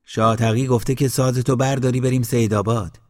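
A man's voice: mid-range voice, steady tone, natural voice. A man voicing a second young village messenger who coaxes in a raised voice in a storybook reading. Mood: coaxing. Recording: long hall reverb.

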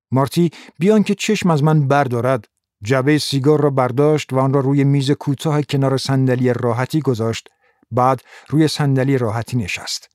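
A man narrates a first-person noir novel at an even, measured pace. His voice sits in the middle range for a man. The recording is dry and close. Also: medium pitch, no echo. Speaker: audiobook narrator. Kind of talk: scripted audiobook narration.

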